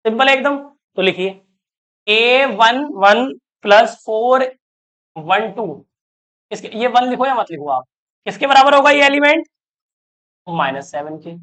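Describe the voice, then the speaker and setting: A man's voice: very high-pitched, animated, takes it slowly, long pauses, fairly bright tone. A man giving an online math lecture, talking through each step and often asking students whether they follow. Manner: constantly checks if students follow, coaxing questions; talks through steps aloud, counting terms. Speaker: math teacher.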